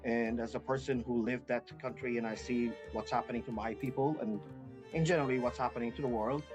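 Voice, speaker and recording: A man's voice: medium pitch, fairly even intonation, a little fast, music in the background. A man from Iran, a guest talking earnestly and hesitantly in an interview. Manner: earnest, hesitant, many fillers and restarts. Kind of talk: interview conversation.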